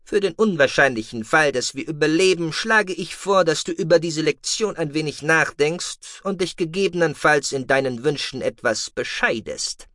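A man voicing a calm, dry-witted male alien ship commander in an audiobook, commanding and sardonic. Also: a little high, normal speed, few pauses, no echo, voice pushed up.

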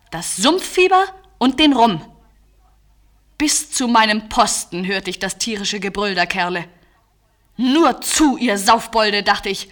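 A woman giving scripted first-person narration of an adventure story in a measured, vivid manner. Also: fairly high pitch, a bit bright.

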